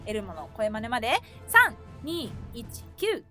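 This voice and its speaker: A woman's voice: on the high side, huge pitch swings, moderate pace, sharp tone, soft background music. A woman hosting a casual podcast chat who talks chattily, laughs often and runs the segments. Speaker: podcast host.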